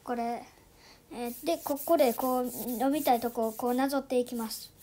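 A chatty woman with a high, light voice walks viewers through a phone app in a casual tutorial. She fills her talk with little fillers and often drops into soft, near-whispered asides. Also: steady tone, normal speed. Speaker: YouTube channel host.

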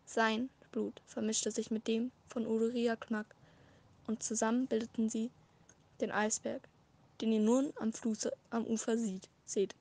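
A woman narrating a fan-written story as a short audiobook, with a measured, dramatic reading and occasional slips. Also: on the high side, flat delivery, a little mellow. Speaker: amateur audiobook reader.

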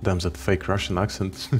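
A Ukrainian-accented man streams a game with relaxed, casual commentary in a very low voice. He swears offhandedly, and a faint hiss sits under his talk. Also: unhurried.

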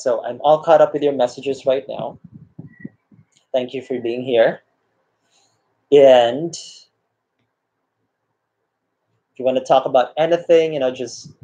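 Speaking into a laptop webcam mic that makes everything sound dull and lo-fi, this friendly man in his 30s hosts a casual live stream from a small room. He laughs a lot, reads the chat out loud, and welcomes viewers by name in a mellow, medium-pitched voice.

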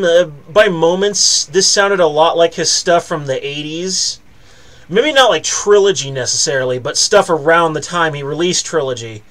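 Male reaction host, slightly higher-pitched, chatty and self-deprecating, lots of ums. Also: fairly bright tone. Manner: rambling, self-mocking, hesitant fillers. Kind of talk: casual reaction commentary.

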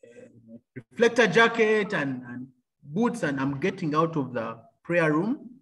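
Man, high voice, very animated pitch, storytelling guest who laughs often. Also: measured pace. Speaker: engineer and entrepreneur guest. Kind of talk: faith-filled storytelling interview.

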